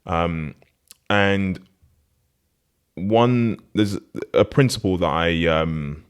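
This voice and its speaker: A man's voice: low-pitched, extremely slow, clean tone. A man hosting a casual podcast conversation who rambles, corrects himself and laughs often.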